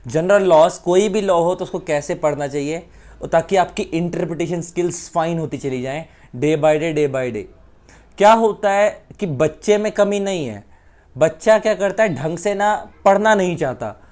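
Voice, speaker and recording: एक भारतीय पुरुष शिक्षक, जो हिंदी और अंग्रेज़ी मिलाकर उदाहरणों के साथ कानून समझाता है।. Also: male voice, a little high, moderate pace, darkish tone. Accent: Indian. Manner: explains with repeated examples, mixing Hindi and English. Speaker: law teacher. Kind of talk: explanatory lecture.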